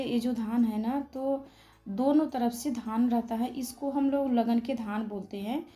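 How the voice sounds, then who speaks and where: A hoarse woman with a Bihari Hindi accent, narrating a casual vlog slowly and softly to spare her sore throat. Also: a little high. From Bihar, India. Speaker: vlogger.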